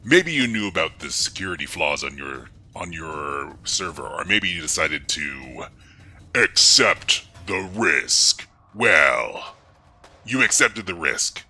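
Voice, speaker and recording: A menacing, gloating hacker whose voice runs through a voice changer. It sits very deep and unnaturally bright, and the slow, drawn-out delivery taunts the listener. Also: male voice, very animated, exaggerated voice.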